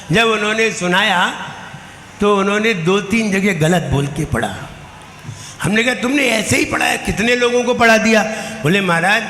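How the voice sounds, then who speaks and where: Monk guy preaching, high bright voice, echoey hall, faint room hum. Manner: animated storytelling, mimicking children's lisps. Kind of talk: storytelling sermon. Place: temple hall.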